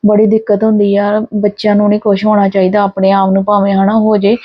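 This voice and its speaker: A woman's voice: mid-range voice, monotone, fairly quick, muffled recording. A sleep-deprived mother, chatting casually in a family vlog, tired and worried and full of fillers and restarts. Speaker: vlogger and mother.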